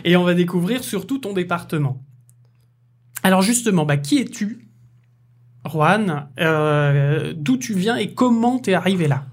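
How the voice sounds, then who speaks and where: A man's voice: sits high, lively intonation, unhurried. Chatty man hosting a podcast. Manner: chatty, many fillers and restarts, jokey. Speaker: podcast host. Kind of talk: casual podcast interview.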